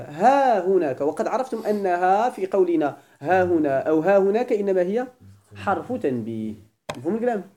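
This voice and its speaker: A man from Morocco with a Moroccan Arabic accent teaches a classroom grammar lesson in a mellow, warm voice. His pitch swings widely as he stresses each point. He repeats himself patiently and often stops to ask whether his students have understood. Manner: explains step by step, repeats points and checks understanding.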